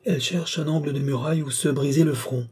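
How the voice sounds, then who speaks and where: A man reading the part of an entranced young woman who describes a distant vision in halting phrases, in an audiobook reading. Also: fairly high pitch, fairly even intonation, a little mellow, breathy edge. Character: entranced young woman seer, wide-eyed and fearful.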